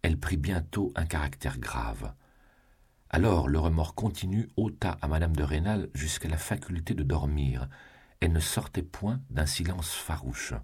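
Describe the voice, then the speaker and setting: A man reading a novel aloud in a measured, grave narrating voice. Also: rumbling low, a little mellow, slightly rough. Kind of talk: scripted audiobook narration.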